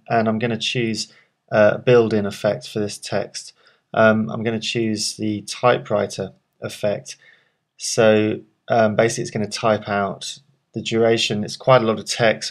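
A man presenting a software tutorial, calmly explaining each step of a screen walkthrough with frequent ums. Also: on the low side.

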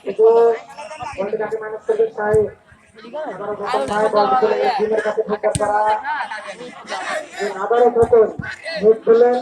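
Echoey, distant Bangladeshi football commentator, excited. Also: medium pitch, normal speed, long pauses. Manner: excited, repeats players' names. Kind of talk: live play-by-play football commentary to spectators. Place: outdoor local football ground. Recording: distant echoey outdoor mic, crowd noise. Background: crowd.

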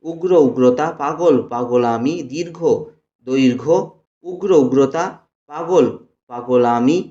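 A man's voice: mid-range voice, slow pace, mellow. A man teaching a grammar lesson on a channel, steadily reciting long lists of word pairs to his students. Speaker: grammar tutor. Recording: echoey room, dull lo-fi sound.

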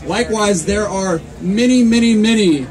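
The announcer is a young man with a high-pitched, slightly mellow voice speaking at a normal pace, emceeing a contest at an outdoor fair under a canopy tent. He reads entry notes over the PA on a handheld microphone and then rallies the crowd, recorded by a distant camera mic with crowd chatter all around.

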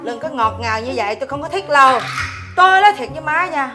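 A chatty, boastful young tea-house musician, full of gushing exclamations. Her voice is very high, and music plays clearly behind her. It is a comic film scene. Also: lively intonation, quick pace. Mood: earnest.

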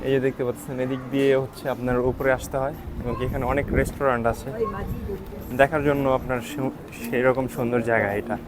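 A man filming a walking travel vlog outdoors, talking softly because he is tired and often checking in with his viewers. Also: mid-range voice, little pitch movement, fast. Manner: keeps checking with "ঠিক আছে?". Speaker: travel vlogger. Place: outdoors on hilltop town streets.

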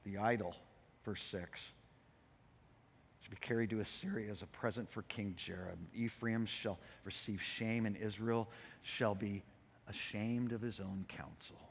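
A man's voice: lowish voice, measured pace, vocal fry, pauses often, slight background noise. Man preaching in a reverberant hall. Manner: conversational, animated preaching with repetitions. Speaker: pastor. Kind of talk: expository sermon. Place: church sanctuary.

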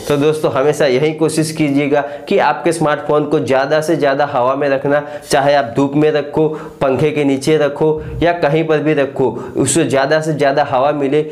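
A man's voice: fairly high pitch, darkish tone. Earnest man hosting a tech explainer. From India. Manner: earnest, keeps addressing viewers as friends. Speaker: tech YouTuber host. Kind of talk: scripted explainer to camera. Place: small living room set, indoors. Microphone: lapel mic.

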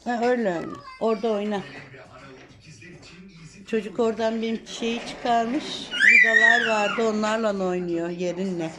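A woman's voice: a little high, steady tone, moderate pace, noisy background. An older woman from Turkey chatting to viewers in a casual home vlog while minding her grandchild, filmed on a phone in a small apartment. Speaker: grandmother vlogger. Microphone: phone camera.

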